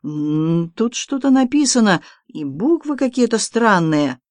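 An audiobook reader voicing an excitable, touchy young Polish nobleman who bursts into loud exclamations. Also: mid-range voice, a little slow, no room sound, pitched above the performer's own voice.

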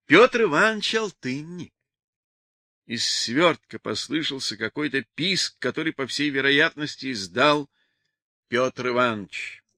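Bright-voiced male audiobook narrator. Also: medium pitch, a little slow, no room sound, studio quality. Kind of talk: literary audiobook reading.

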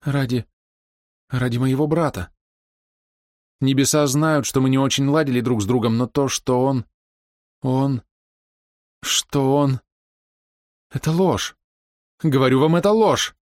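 Guy doing a high-pitched older lady, proud and upset, pleading then snapping, dry close sound. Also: fairly even intonation, takes it slowly, pauses often, darkish tone, no echo, close to an everyday voice. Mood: outraged. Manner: pleading, indignant, breaking into outbursts. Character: proud distraught older woman, fiercely defending her brother.

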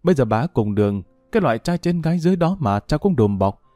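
A man voicing a grown son, calm but reproachful. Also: mid-range voice, quick pace, no echo, clean studio sound, soft background music, close to an everyday voice.

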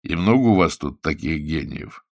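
A man's voice: extremely low pitch, lively intonation, normal speed, a little mellow, no echo, studio quality. A man voicing an officious, formally courteous police sergeant in a spoken story.

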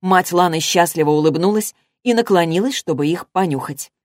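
A woman narrating a novel in a measured, even storytelling voice. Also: on the low side, no echo, clean studio sound. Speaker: audiobook narrator. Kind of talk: scripted narration.

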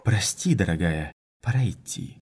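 A man's voice: sits low, animated, measured pace, darkish tone, a little hiss or hum. A man voicing an unruffled, smug male mage who answers in a dry, mocking way, in an audiobook.

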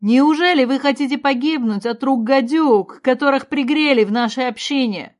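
A woman reading aloud voices a hostile young man who loudly and scornfully accuses others. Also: on the high side, expressive, moderate pace.

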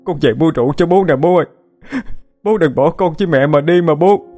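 A man's voice: lowish voice, normal speed, darkish tone, faint music behind, close to an everyday voice. A man voicing a grown son who returns home after decades, speaking in a choked, sobbing, pleading way. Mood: wailing grief. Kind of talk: audiobook character voice.

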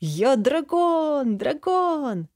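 A woman voicing a proud, headstrong young boy dragon, speaking in a high, excited and indignant voice. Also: normal speed, dry recording, clean studio sound, natural voice. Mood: ecstatic.

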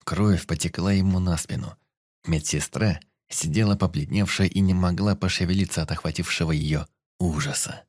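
Low-voiced man narrating an audiobook. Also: fairly even intonation, moderate pace, darkish tone, no room sound. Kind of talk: scripted narration.

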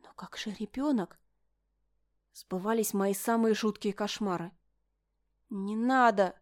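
A woman reading a novel aloud in first-person narration, with a quiet, measured delivery. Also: mid-range voice, fairly even intonation, dry recording, clean studio sound. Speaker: audiobook reader.

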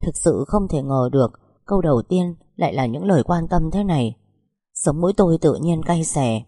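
Woman, first-person story narration, steady, dark mellow voice, husky. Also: low voice, normal speed, no room sound, clean studio sound.

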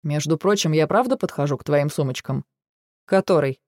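A man voicing a weary, dry-witted male dragon in an audiobook, with a gravelly, restrained delivery. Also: on the high side, normal speed, a little mellow, no room sound, natural voice. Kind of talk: audiobook dialogue reading.

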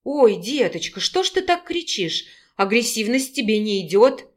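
A woman's voice: fairly high pitch, very animated, moderate pace. Storybook mother: older, fretful, soothing and doting , voiced by a woman. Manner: pleading, coaxing.

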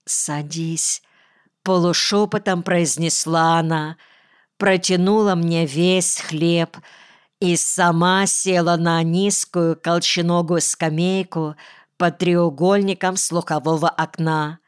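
Woman narrating an audiobook, lowish clear voice, dry close sound, takes her time. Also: fairly even intonation, slow pace, no room sound. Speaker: audiobook reader.

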